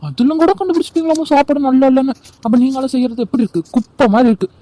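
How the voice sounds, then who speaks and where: A man voicing a sharp-tongued young daughter-in-law in an amateur cartoon, speaking scornfully and defensively. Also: very high voice, rapid-fire.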